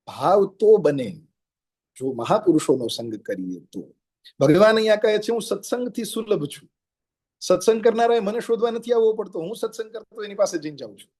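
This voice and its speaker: A man's voice: a little high, warm tone. A man giving a devotional sermon who tells stories and explains scripture verses one by one. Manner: storytelling, explains verses line by line. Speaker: satsang discourse speaker.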